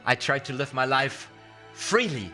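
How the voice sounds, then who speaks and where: Over background music, a man running a laid-back card magic livestream talks to his viewers in a rambling way, repeating words for emphasis. His medium-pitched voice is expressive, bright and forceful, at a measured pace.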